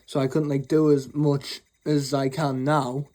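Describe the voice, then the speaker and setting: A young channel host, sleepy from having just woken up, tells a rambling storytime rant, swearing freely and mocking as he goes. His voice is medium in pitch, level in tone, mellow, and unhurried.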